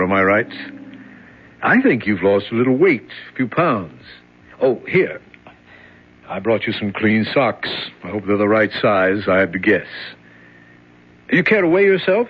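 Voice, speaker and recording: A breezy, falsely friendly jailer. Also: male voice, on the low side, animated, moderate pace, breathy edge. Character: brisk jailer fetching a prisoner. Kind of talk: 1970s radio drama acting. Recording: dull old radio broadcast.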